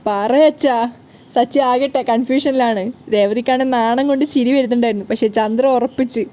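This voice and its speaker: A woman's voice: on the high side, fairly even intonation, brisk, dark tone. A woman recapping a TV serial episode in a storytelling way, narrating the scene and reading out each character's lines.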